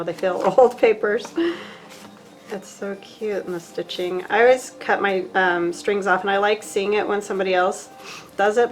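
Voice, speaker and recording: A woman vlogging casually as she unboxes craft mail, chatty and gushing, thinking out loud as she handles supplies and filling pauses with lots of ums. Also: on the low side, low-quality recording. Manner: chatty and gushing, with many fillers.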